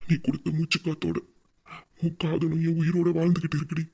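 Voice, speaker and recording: A man's voice: a little high, flat delivery, brisk, creaky, warm tone, slightly rough. A man voicing a young man who pleads for his lost love in an earnest audio drama monologue. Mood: longing.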